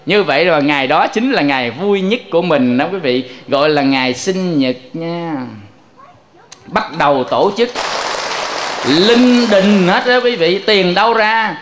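High-voiced male preacher. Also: a little slow, slight background noise. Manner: lively storytelling, addressing listeners directly. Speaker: Buddhist preacher. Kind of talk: sermon.

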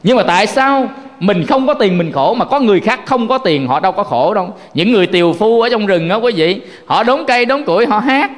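High-voiced monk preaching in a hall. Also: male voice, fairly bright tone. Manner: conversational, keeps addressing listeners directly. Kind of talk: folksy sermon. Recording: long hall reverb.

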